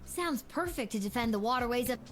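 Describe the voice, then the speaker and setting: A woman's voice: fairly high pitch, expressive, a little fast, faint music behind, natural voice. A woman playing an eager, plucky twelve-year-old child guard in a video game. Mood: awed, eager. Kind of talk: video game character acting.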